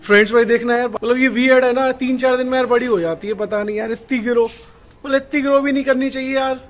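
A man's voice: extremely high pitch, fairly even intonation, quick pace, faint music behind. A young man chatting casually to viewers in a vlog, exclaiming often. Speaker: vlogger.

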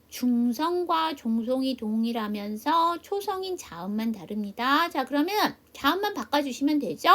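A middle-aged woman teaches a beginner English class. Her voice sits a little high, and she explains patiently, slowing down to spell out each letter. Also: a bit bright. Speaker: English teacher at a seniors' welfare center. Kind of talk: classroom lesson.

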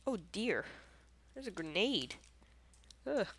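A woman's voice: medium pitch, sing-song, slow, fairly bright tone, breathy edge. A woman with a congested, nasal voice chatting casually through her gameplay, easily surprised and self-deprecating. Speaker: gameplay commentator.

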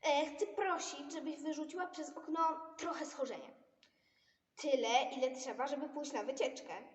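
A woman's voice: high voice, normal speed, natural voice. A young girl voicing a cheeky, naive, outspoken storybook girl in emphatic exclamations. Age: child about 10 playing a child. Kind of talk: recited children's storybook. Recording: echoey hall, distant microphone.

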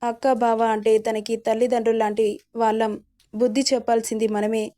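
An innocent, frightened young wife pleads anxiously in an audio story, as a woman narrator reads her. Her voice is fairly high and mellow, with a flat, even line. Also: brisk, close to an everyday voice. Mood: pleading.

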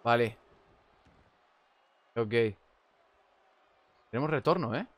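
A young man with a Spanish accent commentating on a wrestling video game. He chats casually and shouts at big moves. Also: mid-range voice, expressive, takes it slowly, dry recording, muffled recording. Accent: Spain Spanish. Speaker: gameplay commentator.

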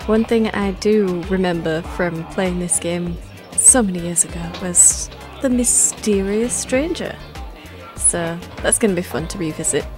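A woman's voice: lowish voice, a little slow. Woman giving casual gameplay commentary over music. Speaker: gamer, channel host. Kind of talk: casual let's play commentary. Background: game music.

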